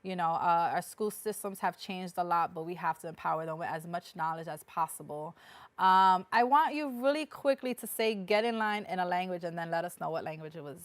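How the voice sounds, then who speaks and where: A woman's voice: on the low side, a little fast, dry recording. A woman hosting a talk show, praising her guest and signing off in an upbeat way. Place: studio talk show set.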